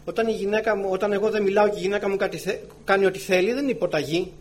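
A man who is a church elder preaching a sermon, earnestly addressing his brothers and sisters, swinging from loud emphatic phrases to soft low asides. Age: adult with wife and children. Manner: earnest, often calls the listeners brothers and sisters.

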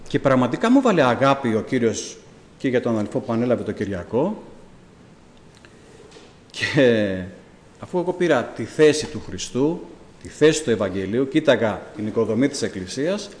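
A man, a deacon, telling his testimony to a church congregation in animated storytelling, acting out the dialogue of the people in it. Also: mid-range voice, in a large hall.

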